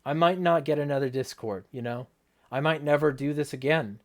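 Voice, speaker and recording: A man's voice: fairly high pitch, a little fast. A man hosting a ranting livestream, blunt and indignant with heavy swearing and a sarcastic edge. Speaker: livestream host. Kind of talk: ranting livestream talk, reading viewer comments.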